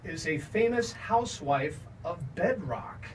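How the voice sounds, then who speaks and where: A man's voice: fairly high pitch, lively intonation, measured pace. A man from Georgia in the US hosting a playful radio interview with jokey game-show patter in a studio. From Georgia, USA. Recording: slightly distant mic, faint hiss.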